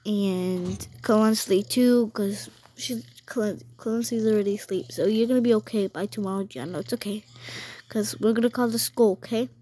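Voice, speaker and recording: A woman's voice: medium pitch, moderate pace, dark tone, slightly rough. A woman narrating a pretend-play game in a caring, chatty, soothing way. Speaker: toy-game role-player.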